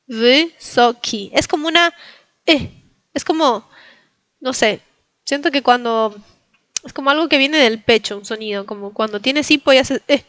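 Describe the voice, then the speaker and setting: A woman's voice: high-pitched, fairly bright tone, no room sound. A woman from Latin America teaching Polish pronunciation to Spanish speakers, patiently repeating each word for learners. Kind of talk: pronunciation lesson.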